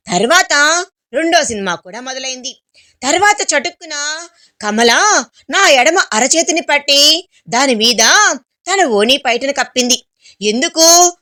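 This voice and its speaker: A woman narrating a story in the first person, reading it in a gentle storytelling way. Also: sits high. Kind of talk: scripted narration.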